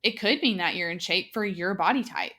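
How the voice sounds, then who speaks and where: A woman's voice: mid-range voice, a little fast, bright, forceful tone. A woman in her twenties hosting a podcast, chatting casually with lots of fillers. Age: 20s. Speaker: podcast host. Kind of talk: casual chat.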